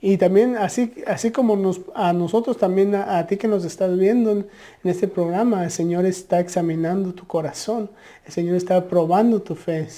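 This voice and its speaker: Dark-voiced woman preaching earnestly. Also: lowish voice, normal speed. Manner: earnest, many restarts and filler "eh". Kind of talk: conversational preaching.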